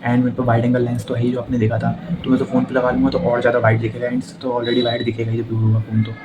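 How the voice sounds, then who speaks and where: A young man rambles through his day in a brisk, flat-toned daily vlog, filmed on a phone he holds himself. Clear background noise sits under his voice throughout. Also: medium pitch, lo-fi sound. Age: young adult. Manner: chatty, rambling, talking to camera about his day. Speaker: vlogger. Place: home and rooftop. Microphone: phone held in hand.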